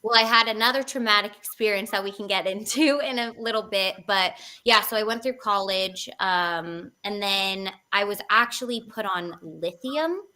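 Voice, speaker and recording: A woman's voice: mid-range voice, normal speed, hardly any pauses, pushed and bright. A young woman in her twenties speaking as an interview guest, telling a personal story candidly with frequent fillers.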